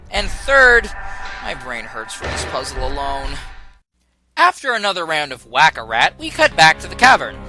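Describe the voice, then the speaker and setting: A man delivers a comedic game review in a high, very bright voice. His pitch moves animatedly as he picks things apart with sarcasm and exasperation, over music. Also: creaky. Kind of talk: scripted comedic review narration.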